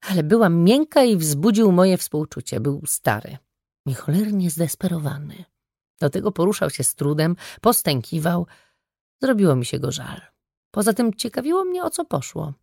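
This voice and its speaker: A woman reading a first-person audiobook story with brisk, wry storytelling. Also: lowish voice, creaky, darkish tone, no echo, studio quality. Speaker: audiobook narrator. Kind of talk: scripted first-person narration.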